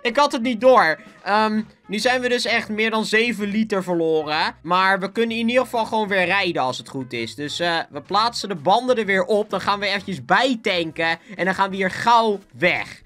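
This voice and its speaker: A gaming channel host giving Let's Play commentary, excitable, often yelping and laughing, and peppering their speech with English slang. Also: mid-range voice, normal speed, hardly any pauses, faint music behind.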